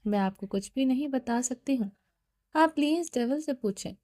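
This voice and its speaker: A woman's voice: high-pitched, animated, dark tone. A woman reading the part of a scared, evasive young woman who pleads and refuses to answer.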